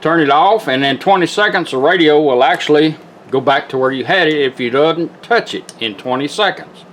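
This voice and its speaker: A radio restorer with a slightly high, fairly bright voice walks through a device's controls at normal speed in a casual, folksy product demo. Guitar music plays from a radio behind him, and there's slight background noise.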